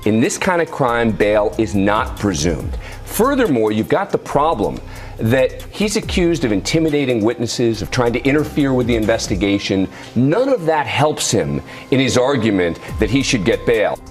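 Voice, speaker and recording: A man's voice: medium pitch, sing-song, normal speed, soft background music. A man explaining points emphatically as a legal commentator in an interview soundbite.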